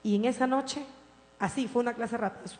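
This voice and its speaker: A woman pastor preaching a sermon in a church, swinging from impassioned declarations to soft, tender storytelling. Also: on the high side, steady tone, moderate pace. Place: church sanctuary. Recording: reverberant hall with mains hum.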